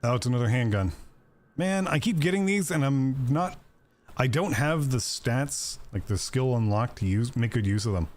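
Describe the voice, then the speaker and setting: A man's voice: mid-range voice, animated, moderate pace, a little mellow. A man streaming a video game, chatting casually and joking with viewers while he plays. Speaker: gaming streamer. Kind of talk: casual gameplay commentary.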